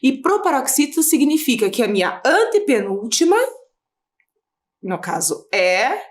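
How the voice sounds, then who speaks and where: Brazilian female teacher, patient explainer, animated and fairly high. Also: measured pace. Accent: Brazilian Portuguese. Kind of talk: video lesson for children.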